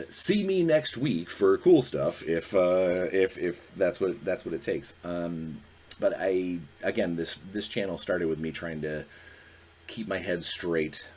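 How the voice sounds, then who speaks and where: With a faint background hum, a podcast host in his forties speaks alone in a very deep, low voice. His candid delivery is earnest and reflective, halting as he pauses and restarts to work through his thoughts.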